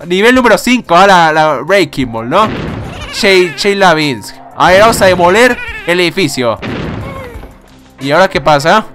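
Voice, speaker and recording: A young man casually commenting on a game, excitable, swearing and laughing often. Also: high voice, normal speed, soft background music. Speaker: gaming YouTuber. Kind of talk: casual let's-play commentary.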